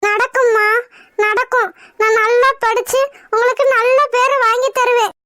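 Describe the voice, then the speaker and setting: Earnest cartoon daughter, reassuring and loving, very high voice, woman voicing. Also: fairly even intonation, moderate pace, bright, forceful tone, no room sound, studio quality. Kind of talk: cartoon voice acting.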